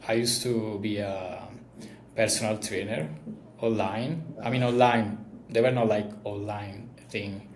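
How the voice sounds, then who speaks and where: Italian-accented man, low voice, echoey room. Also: slight background noise. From Italy. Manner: relaxed, chatty, with frequent fillers. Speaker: guest, agency founder. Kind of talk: casual interview conversation.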